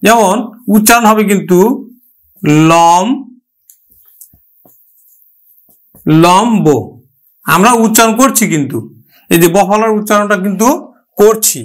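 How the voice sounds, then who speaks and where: High-voiced man teaching at a board. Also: a bit bright. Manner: repeats each example word slowly and deliberately; asks questions and answers them himself. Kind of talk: grammar lesson at a board.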